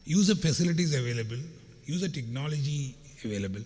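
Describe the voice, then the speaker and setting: A middle-aged man from India with a scratchy voice gives a motivational keynote, chatting, telling anecdotes, joking and addressing the audience directly. His voice is a little high, expressive, fast and slightly mellow. The recording has long hall reverb and faint background noise.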